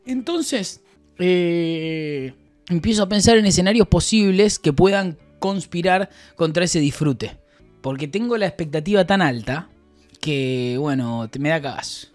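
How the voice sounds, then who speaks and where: A man's voice: fairly high pitch, animated, unhurried, darkish tone, faint music behind. A man with an Argentine accent chatting casually on a stream, reading out messages and rambling with crude, joking banter. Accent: Argentine Spanish.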